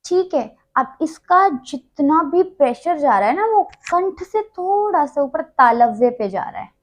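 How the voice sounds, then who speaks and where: A woman with a fairly high voice teaches a grammar lesson at an unhurried pace. She explains patiently, saying each consonant slowly and on its own, and she often puts in small filler words. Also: lively intonation. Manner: uses many fillers.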